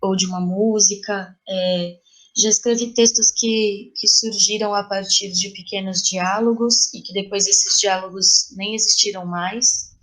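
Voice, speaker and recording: In poor audio, a woman with a Brazilian Portuguese accent, a playwright, responds during a reflective interview. Her medium-pitched voice is slightly bright and fairly even in intonation, and she takes her time, explaining thoughtfully while hunting for the right words.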